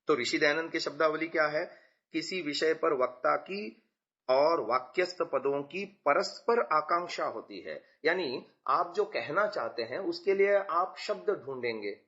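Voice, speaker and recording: A man's voice: fairly high pitch, a bit bright. A man teaching scripture, explaining patiently with everyday examples. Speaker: religious teacher. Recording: dull lo-fi recording.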